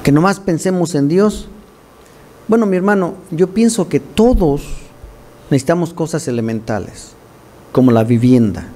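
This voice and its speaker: A man's voice: on the high side, moderate pace, warm tone. A male pastor preaching a sermon in a church, earnest and direct, often calling listeners "my brother" and adding wry asides.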